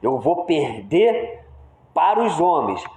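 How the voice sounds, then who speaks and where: A high-voiced Brazilian man delivers a lively sermon at a prayer service. His pitch leaps and falls as he questions the congregation and rises toward shouts. The church room rings around him. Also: slow pace, echoey room, low-quality recording. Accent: Brazilian Portuguese. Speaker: preacher. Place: church hall.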